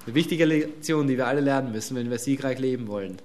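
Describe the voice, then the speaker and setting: A man's voice: mid-range voice, fast, darkish tone. A man preaching a sermon, speaking emphatically and pressing his listeners with repeated rhetorical questions.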